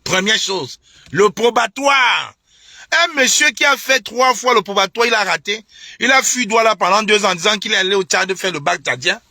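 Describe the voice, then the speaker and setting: This is a heated live-stream rant from a young Cameroonian political commentator who mocks, repeats himself indignantly and laughs with scorn. His high voice is pushed and bright, moving at a moderate pace, captured in studio quality with no echo.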